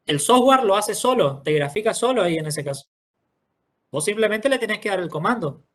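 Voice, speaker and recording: Patient teacher, step by step. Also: male voice, sits high, lively intonation, a little fast. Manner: patient, explains step by step, checks in often with "¿sí?". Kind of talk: online class walkthrough.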